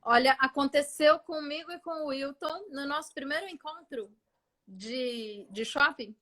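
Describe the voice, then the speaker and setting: A woman hosting a casual chat, relaxed and brief, sharing a short anecdote. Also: high voice, unhurried. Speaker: host.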